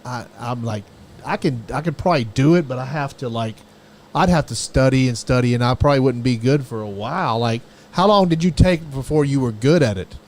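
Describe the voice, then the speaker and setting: A man's voice: medium pitch, brisk, few pauses, darkish tone. Guy hosting a show, super informal and folksy, just chatting, regular mid voice. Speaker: talk show host. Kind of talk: casual chat.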